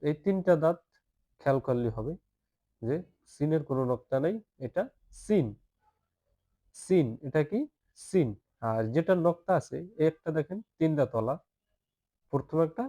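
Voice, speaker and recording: A man teaching the Arabic alphabet in a slow, patient lesson, repeating each letter several times and asking listeners to say it along. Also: fairly high pitch, dark tone.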